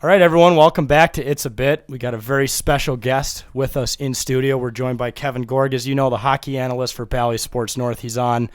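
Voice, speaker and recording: A man's voice: mid-range voice, steady tone, fairly quick, hardly any pauses, clean tone, dry recording. Dry-voiced young male podcast host. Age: 20s. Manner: joking, self-deprecating. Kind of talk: casual chat.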